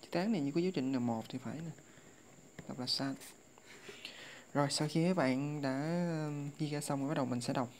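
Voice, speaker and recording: Slow-drilling tutor. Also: medium pitch, a little mellow, slight background noise. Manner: slow drilling recitation of readings, repeated over and over. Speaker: language tutor. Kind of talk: casual tutorial lesson.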